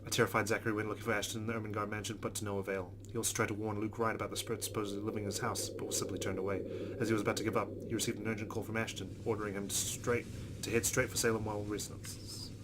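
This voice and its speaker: A man with a lowish, flat voice reads through a visual novel very quickly as a let's play host, adding casual commentary. The background is noisy, with plucked-guitar game music.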